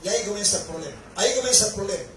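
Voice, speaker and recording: A male pastor preaching a sermon, building to shouted emphasis at key points. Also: high-pitched, lively intonation, rapid-fire. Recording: echoey hall recording from far off, faint noise.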